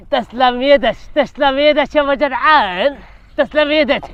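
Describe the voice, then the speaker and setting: A man doing a henpecked husband on a dull lo-fi track. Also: extremely high pitch. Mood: weary. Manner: pleading, dramatic complaining. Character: henpecked village man thrown out by his two wives. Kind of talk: comic sketch acting. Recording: dull lo-fi sound.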